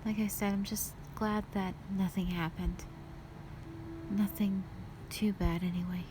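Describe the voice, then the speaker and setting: A woman voices a young hospital patient who is fragile and full of remorse, her tone subdued as she hesitates, apologizes, and sighs between short phrases. Her pitch is medium with little movement, her pace measured, and her voice close to everyday speech; piano music and background noise sit underneath.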